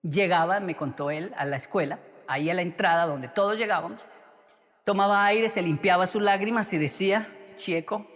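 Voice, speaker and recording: A man preaching a sermon, telling a story in an animated way. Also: sits high, a little fast, long reverb tail. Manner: animated, acts out quotes. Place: church.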